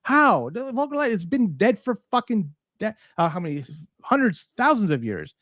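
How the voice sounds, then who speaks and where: Animated, high-pitched male podcast host. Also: normal speed, no room sound, clean studio sound. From Toronto, Canada. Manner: animated, swearing, exasperated. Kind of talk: casual podcast banter.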